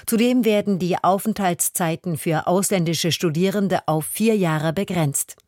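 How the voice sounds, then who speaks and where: Low-voiced woman reading radio news. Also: dry recording, studio quality. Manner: even, formal delivery. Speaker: newsreader. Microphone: studio mic.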